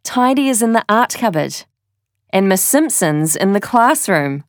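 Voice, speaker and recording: A woman voicing an eager schoolboy twin with an excited, raised voice. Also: medium pitch, unhurried, dry recording, clean studio sound.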